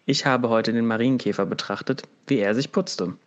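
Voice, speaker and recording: A man voicing a slow, calm and contemplative snail in a read-aloud fable, speaking gently and without hurry. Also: mid-range voice, dull audio, close to an everyday voice. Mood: serene.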